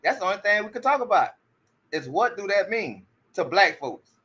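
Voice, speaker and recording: A man talking in casual commentary with a slightly high, bright and forceful voice. He stammers through restarts and keeps repeating rhetorical questions. The audio sounds a little muffled and lo-fi. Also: big pitch swings, normal speed. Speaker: commentary streamer.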